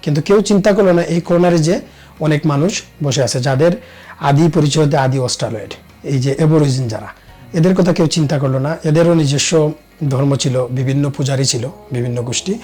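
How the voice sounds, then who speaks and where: A man, a poet and researcher, speaking thoughtfully in an interview and letting his phrases trail off softly. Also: on the high side, fast talker, faint music behind. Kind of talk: reflective interview talk.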